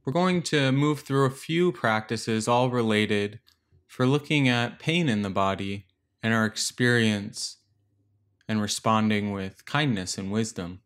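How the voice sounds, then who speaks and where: A man with a lowish voice leads a guided meditation, giving gentle, unhurried instructions and leaving long pauses between phrases.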